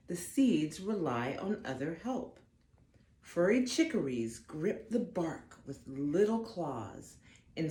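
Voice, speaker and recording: A woman reads a children's storybook aloud in a low, mellow voice, slow and expressive, with deliberate phrasing for young listeners. The sound is roomy, with an echo and faint background noise.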